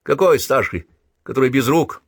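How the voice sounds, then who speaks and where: A man's voice: mid-range voice, expressive, moderate pace, creaky, breathy edge, no echo, pitched above the performer's own voice. A man voicing a stern male police sergeant in an audiobook, calling out short commands. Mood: incredulous. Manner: barked commands.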